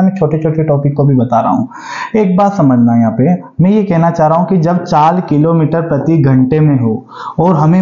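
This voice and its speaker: A man's voice: fairly high pitch, mellow, echoey room, lo-fi sound. A man in his forties teaching an exam-prep math lesson, asking the class questions and answering them himself. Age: 40s.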